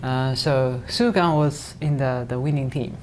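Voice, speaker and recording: A woman professor and startup co-founder answering interview questions briskly, with uh fillers and short laughs. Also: very deep voice, darkish tone, a little hiss or hum.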